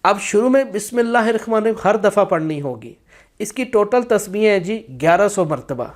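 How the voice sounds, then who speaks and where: Man, high-pitched, firm instructional talk, spiritual teacher. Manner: slow chanted recitation, then firm explanatory speech. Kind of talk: instructional talk with Quranic recitation.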